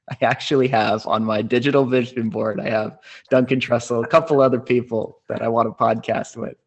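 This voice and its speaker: A man in his thirties, a podcast host, telling a personal story in a casual, unhurried way that gets animated when he quotes others. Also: medium pitch, gravelly, highs cut off. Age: 30s.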